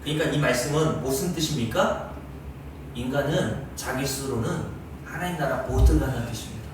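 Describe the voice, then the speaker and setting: A man preaching a sermon as pastor, lively and teasing his congregation with questions. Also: mid-range voice, brisk, noisy background. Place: large church hall. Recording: very echoey hall, mic far off.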